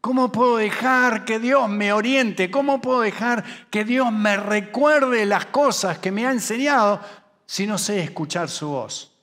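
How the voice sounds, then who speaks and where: Rioplatense preacher with a slow, emphatic delivery. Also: male voice. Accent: Rioplatense Spanish. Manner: acts out quoted voices, dropping low and quiet for asides; slows and rises for emphasis. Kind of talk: sermon at a youth camp.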